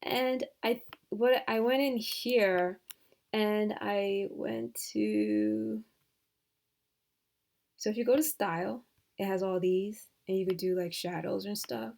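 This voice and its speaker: Gravelly-voiced woman thinking aloud. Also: medium pitch, fairly even intonation, takes it slowly, a little mellow. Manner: casual, hesitant, thinking aloud with many fillers. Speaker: software tutorial host. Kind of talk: screen-recorded tutorial.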